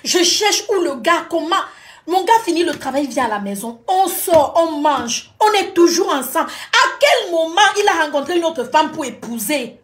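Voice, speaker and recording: A woman's voice: very high voice, expressive, moderate pace, slight background noise. A woman telling a personal story on a livestream, dramatic and repetitive, talking straight to her audience.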